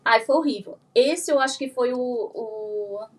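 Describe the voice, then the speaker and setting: A woman with a Brazilian Portuguese accent, a guest in a casual interview, telling a lively story and acting out what people said. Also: on the high side, unhurried. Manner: animated storyteller who acts out what she and others said. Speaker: guest, firearms instructor.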